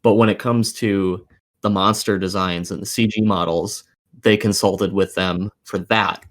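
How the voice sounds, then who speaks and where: A deep, steady-voiced man speaks unhurriedly as co-host of a casual podcast. He rants with exasperation and emphasis about games and films, swearing freely.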